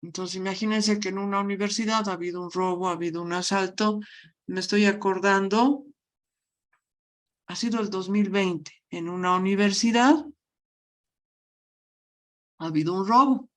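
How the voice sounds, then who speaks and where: A woman's voice: mid-range voice, moderate pace, pauses often. Woman teaching, stressing question words. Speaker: university language teacher. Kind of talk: online class lecture.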